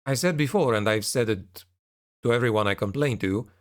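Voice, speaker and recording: A man's voice: medium pitch, fairly quick. A man speaking casually to his viewers as a channel creator, in a hesitant, rambling, somewhat frustrated way. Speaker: YouTube narrator and channel creator. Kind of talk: casual spoken update to viewers.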